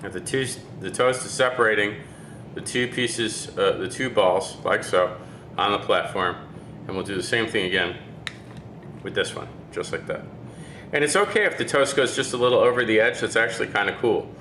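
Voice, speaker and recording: A man's voice: lowish voice, normal speed, sharp tone, echoey room, slight background noise. A man working as a chef, giving a step-by-step cooking demonstration and checking in with "okay?".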